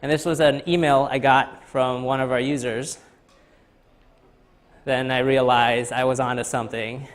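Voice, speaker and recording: A Thai man in his thirties, appearing as a guest speaker, gives a conference talk in a lecture hall. His medium-pitched voice is flat, and he speaks haltingly, with many fillers and restarts.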